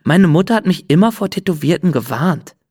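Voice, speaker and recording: A man's voice: on the high side, expressive, brisk, a little mellow, dry recording, clean studio sound, voice pushed up. Man doing a grumpy, suspicious little bug. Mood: skeptical. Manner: suspicious, grumbling. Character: small wary male insect, grumpy skeptic.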